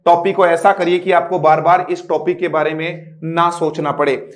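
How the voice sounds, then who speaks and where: In an echoey classroom, a male English teacher with a slightly high voice and flat delivery lectures patiently. He often checks that students understand, repeating "dosto" and asking "are you getting me," and draws out example words as he explains them one by one.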